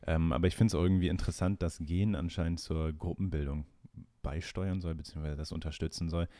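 A man's voice: low voice, steady tone, fast, mellow, no room sound. A man co-hosting a casual podcast, hesitant and questioning, recorded over a remote call. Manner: hesitant, many fillers, questioning. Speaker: podcast co-host. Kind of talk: casual chat.

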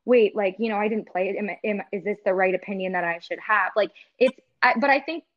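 A woman who works as a sports host and reporter talks earnestly in a casual podcast interview, her mid-range voice a little fast and laden with "like" and "you know." The recording is muffled.

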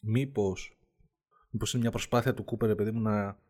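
A man's voice: lowish voice, fairly even intonation, darkish tone. A man co-hosting a casual discussion podcast, thoughtfully musing aloud and chiming in with short agreements. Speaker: podcast co-host.

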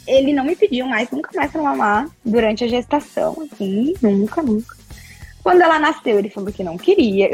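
A woman, a podcast guest telling her story in an expressive, chatty way with lots of tag questions. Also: sits high, husky. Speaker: podcast guest, breastfeeding consultant. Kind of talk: casual interview chat.

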